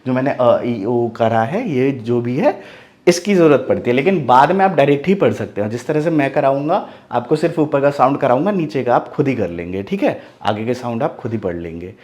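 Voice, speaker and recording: Man slowly spelling out phonics words. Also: medium pitch, expressive, darkish tone. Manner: spells words letter by letter, then repeats them; asks questions and answers them himself. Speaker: English teacher. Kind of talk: phonics lesson.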